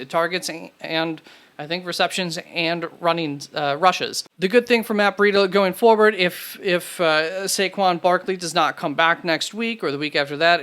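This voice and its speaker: A man's voice: high voice, fairly bright tone, clear, resonant tone. A man hosting his fantasy football channel, talking through notes in a casual, conversational way with frequent fillers and self-corrections. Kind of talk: casual solo analysis.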